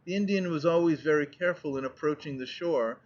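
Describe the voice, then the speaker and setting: A man's voice: fairly high pitch, a little fast. Man reading aloud on a dull recording. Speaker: audiobook narrator. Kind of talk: reading a travel narrative aloud.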